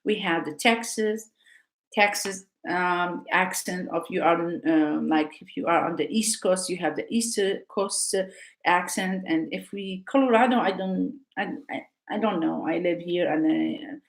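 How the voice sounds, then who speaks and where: In a casual live talk, an Arabic teacher from North Africa, whose first language is Arabic, speaks hesitantly, restarting often and using many fillers. Her voice is on the low side, unhurried, with vocal fry and a roomy sound.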